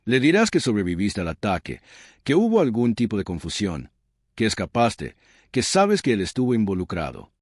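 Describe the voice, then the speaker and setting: A man plays a confident male ally in a spoken story, explaining a scheme step by step in a low voice with lively rises and falls. The delivery is instructive and self-assured, and the sound is dry and close. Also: normal speed, dry recording.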